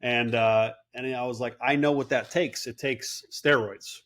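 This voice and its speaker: A man's voice: mid-range voice, a little slow. A man in his late thirties, a clinic owner and guest, telling his story in casual interview talk and acting out what others said. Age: 30s. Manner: animated storyteller, quotes people in voices.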